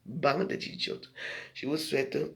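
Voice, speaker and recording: A man's voice: mid-range voice, flat delivery, measured pace, vocal fry, fairly bright tone. A man delivering a scolding, rambling monologue to his social media followers in a confrontational way. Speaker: social media video maker.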